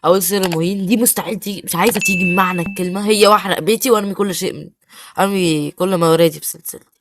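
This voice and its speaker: Melodramatic young Egyptian gamer. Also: male voice, sits high, noisy background. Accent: Egyptian Arabic. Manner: melodramatic, wailing in mock despair. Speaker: gaming YouTuber. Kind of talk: casual gameplay commentary.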